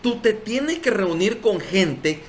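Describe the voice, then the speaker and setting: Salvadoran male pastor, emphatic sermon delivery, slightly high voice, faint hiss behind. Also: animated, slow pace. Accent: Salvadoran Spanish. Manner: emphatic preaching with call-and-response. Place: church service.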